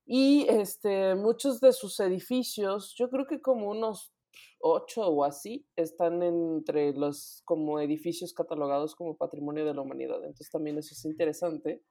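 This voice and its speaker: A young woman co-hosting a podcast, talking loosely with slang and frequent laughs. Her voice sits a little low for a woman. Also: normal speed, mellow. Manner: laughs often, slangy and teasing. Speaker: podcast co-host. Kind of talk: casual chat.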